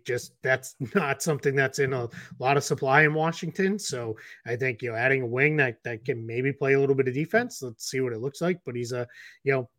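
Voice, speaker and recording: A man's voice: medium pitch, fairly bright tone, dry recording, clean studio sound. A man with a Boston accent, co-hosting a casual basketball podcast, running through roster moves with lots of fillers and restarts. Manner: quick rundown with frequent fillers and restarts. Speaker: NBA analyst co-host.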